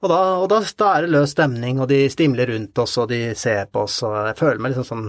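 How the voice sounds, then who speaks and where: A man telling a story in an interview, halting and repeating words with many fillers. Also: medium pitch, animated, no room sound, clean studio sound. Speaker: interview guest. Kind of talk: conversational storytelling.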